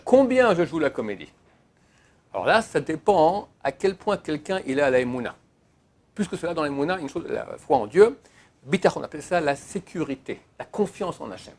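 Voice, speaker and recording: Animated rabbi with a gravelly voice. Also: male voice, high voice. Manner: animated, emphatic, repeats key words. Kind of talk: Torah lesson answering a question.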